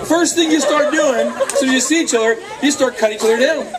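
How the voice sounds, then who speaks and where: A man giving a lively youth sermon, acting out quotes and laughing often, recorded on a camcorder from across the room. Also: extremely high pitch, fast talker. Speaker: youth speaker. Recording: distant camcorder sound, faint crowd.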